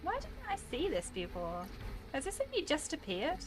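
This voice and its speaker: A woman's voice: sits high, wildly swooping pitch, moderate pace, poor audio. A British woman chatting casually while streaming a game, rambling and laughing often. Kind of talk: casual gameplay commentary.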